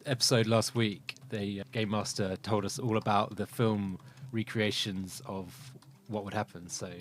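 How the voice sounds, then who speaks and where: A man's voice: lowish voice, steady tone, moderate pace. Easygoing male co-host, casual chat, faint hiss behind. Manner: easygoing, chuckling. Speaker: co-host player.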